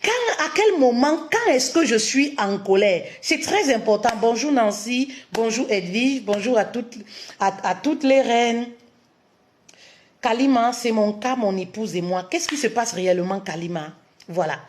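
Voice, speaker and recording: Brief: woman relationship coach on a live stream, voice on the high side, keeps punctuating with an insistent "yes" and repeats her points. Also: expressive, measured pace. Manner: punctuates sentences with emphatic "oui", many rhetorical questions; addresses listeners warmly as "my queens", repeats key phrases.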